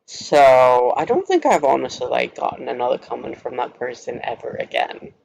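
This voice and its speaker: A man's voice: mid-range voice, big pitch swings, moderate pace, gravelly, darkish tone, rough recording. A young man from Norway, a native Norwegian speaker, telling a story to camera in a casual, rambling vlog style, giggling often and filling his speech with filler words. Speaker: vlogger.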